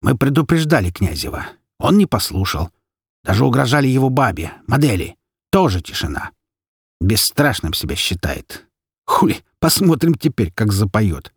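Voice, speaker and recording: A man's voice: mid-range voice, big pitch swings, moderate pace, slightly rough, no echo, clean studio sound. A man voicing a crude, threatening gangster who curses as he questions a captive. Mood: menacing. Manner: coarse, threatening, cursing. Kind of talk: audiobook character voice.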